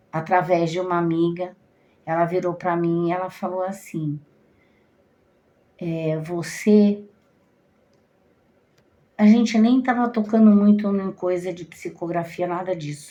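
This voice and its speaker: A Brazilian woman, a cigana card reader, casually telling her viewers a personal story, with frequent repetitions and trailing off mid-phrase. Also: fairly low pitch. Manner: animated, repeats herself, trails off.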